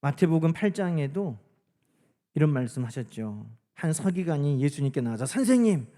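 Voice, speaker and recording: A man's voice: a little high, animated, normal speed, warm tone. A male pastor preaching a sermon in a conversational way, full of rhetorical questions to the congregation.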